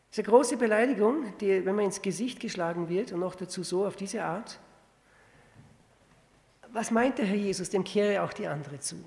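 A man preaching a sermon, teaching with rhetorical questions and reading scripture slowly and deliberately. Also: high-pitched, creaky, a little mellow. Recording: long reverb of a hall.

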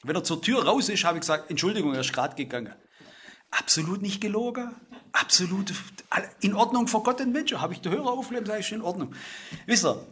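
A middle-aged man preaching a sermon, stressing words loudly and then dropping into quiet asides. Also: lively intonation, fast talker, slightly rough. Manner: emphatic, swings between loud stress and low asides.

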